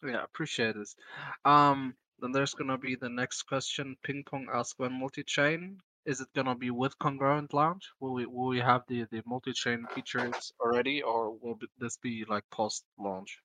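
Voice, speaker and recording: A man's voice: medium pitch, fairly even intonation, normal speed, sharp tone, poor audio. A man hosting a live community call, reading out audience questions and thanking people. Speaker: AMA host.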